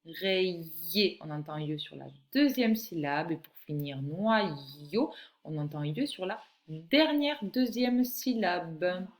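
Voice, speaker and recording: A woman teaching a phonics lesson to young children, reading words slowly and clearly and encouraging the child. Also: fairly low pitch, lively intonation, a little mellow. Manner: encouraging, addresses the child directly. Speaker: primary school teacher.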